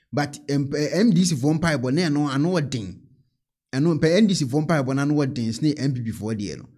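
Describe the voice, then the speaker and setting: A man in his thirties with a Ghanaian accent, reacting to a video in casual commentary and laughing often. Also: medium pitch. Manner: laughing, animated, mixes in English. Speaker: reaction host. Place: small indoor studio. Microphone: mic on a stand.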